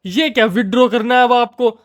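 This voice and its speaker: A man's voice: very high-pitched, steady tone, a little fast, fairly bright tone. A man giving casual, jokey commentary while playing a game, playfully scolding the characters on screen. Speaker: gamer.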